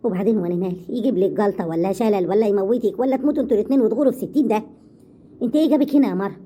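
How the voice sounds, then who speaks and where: A woman with an Egyptian accent voicing a sharp-tongued older mother-in-law who scolds and mocks. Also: mid-range voice, slightly rough, dull audio, lightly acted. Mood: scolding. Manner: scolding, mocking, rapid.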